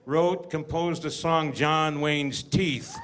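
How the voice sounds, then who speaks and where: A man as emcee, introducing the next performer in an announcing, slightly halting way. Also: fairly high pitch, steady tone. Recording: loud live crowd and noise.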